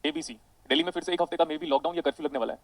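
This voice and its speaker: Fast-talking male physics teacher. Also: fairly high pitch, dry recording, low-quality recording. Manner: rapid, animated, addresses students as beta. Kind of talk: online lecture with digressions.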